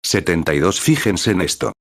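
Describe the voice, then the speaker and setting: A man's voice: deep voice, expressive, normal speed, no room sound, clean studio sound. A man reading a translated sermon aloud in a preaching cadence, announcing each paragraph number as he goes.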